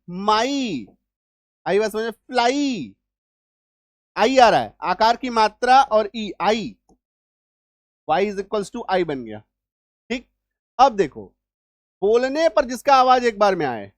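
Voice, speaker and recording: A man's voice: sits high, no room sound, clean studio sound. Repetitive male English teacher. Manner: repetitive, checks understanding often. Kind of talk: classroom-style spelling lesson.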